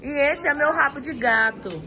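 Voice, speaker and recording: A woman's voice: sits high, moderate pace, noisy background. A woman giving a casual garden tour for her vlog outdoors, gushing over each plant and repeating her praise as she films on a handheld phone. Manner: effusive, admiring, repeats praise often.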